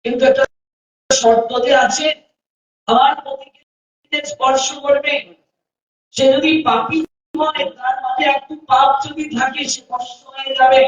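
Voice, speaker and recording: A man's voice: extremely high pitch, fairly even intonation, a little slow, pauses often. A man voicing a grieving widow who pleads for help, heard from a distance in a dull, echoey recording. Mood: plaintive.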